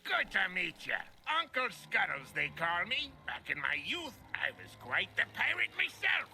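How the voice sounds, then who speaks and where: Gravelly gruff old fisherman crab. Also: high-pitched, huge pitch swings, moderate pace, bright, forceful tone, full character voice. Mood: hearty, welcoming. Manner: gruff old fisherman, salty pirate talk. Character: gruff jovial old crab man, retired pirate fisherman. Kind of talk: video game character acting.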